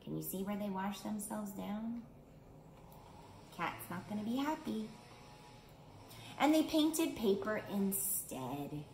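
This is a middle-aged art studio teacher reading a picture book to young children, slow and simple in delivery. Her mid-range voice is animated with a darkish tone, and she asks her listeners questions in clear, plain phrasing. The small indoor room has an echo and clear background noise.

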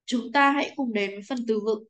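A woman teacher with a Vietnamese accent guides a class through an English exercise. Her voice sits slightly high. She explains patiently and keeps asking whether students follow. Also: fast talker. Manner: patient, asks "right?" often. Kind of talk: explaining a textbook lesson.

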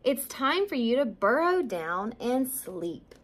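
A slow, plodding storybook turtle mutters in a lowered voice, as a woman reads his part. The pace is unhurried, with some lively rises. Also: full character voice. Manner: low muttering. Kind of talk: storybook read-aloud.

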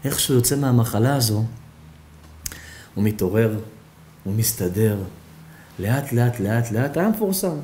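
A man's voice: expressive, long pauses, dark tone, a little hiss or hum. Dramatic male rabbi storyteller. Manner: dramatic storyteller, sudden pitch leaps. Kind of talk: Torah lesson sermon.

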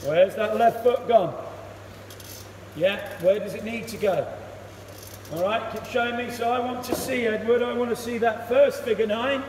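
A man coaching a young batter one-to-one in an indoor cricket net, giving brisk instructions and praise. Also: high-pitched. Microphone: camera across the net, far off. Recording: echoey hall, voice from far off, loud noise.

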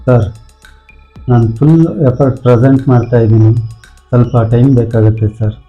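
A man's voice: medium pitch, fairly even intonation, moderate pace, soft background music, lightly acted. Guy playing a stressed worker begging for time, kinda dull lo-fi sound. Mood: pleading. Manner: pleading, apologetic. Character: worried male employee begging for time.

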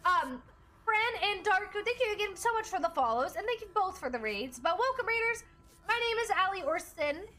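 A woman's voice: very high-pitched, big pitch swings, brisk, bright, forceful tone. A woman game streamer chatting casually with her live viewers.

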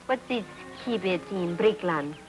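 A woman's voice: on the low side, lively intonation, a little slow, rough recording. An actress playing a coy, curious young woman who asks playful, teasing questions. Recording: 1940s film soundtrack with music.

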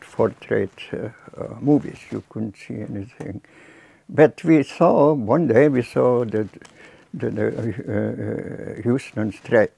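Slow, gravelly old Lithuanian-accented man. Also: fairly low pitch, a little mellow, no room sound. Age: 90s. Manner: halting, with many restarts and pauses. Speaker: filmmaker recounting his life. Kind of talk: reflective storytelling. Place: cluttered workshop indoors, small room.

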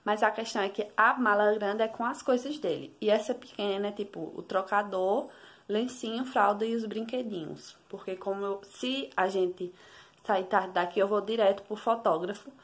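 A young woman with a Brazilian Portuguese accent, a mother chatting casually and softly in a home vlog. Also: mid-range voice, moderate pace. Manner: soft, chatty, fond of diminutives. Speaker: mother vlogger. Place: home, in the kitchen.

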